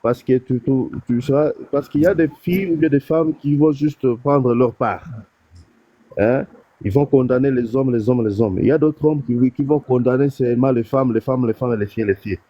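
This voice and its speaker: A man, from North Kivu, calling into a live stream and giving advice in a halting way, full of restarts and fillers. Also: medium pitch, no room sound, highs cut off. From DR Congo, North Kivu. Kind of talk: casual call-in advice. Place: call from abroad.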